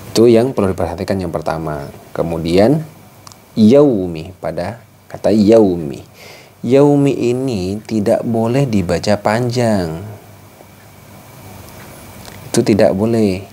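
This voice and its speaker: A man teaching Quran recitation rules in a patient, explanatory way, breaking into slow chanted examples. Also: lowish voice, warm tone. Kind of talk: tajwid lesson with recited examples.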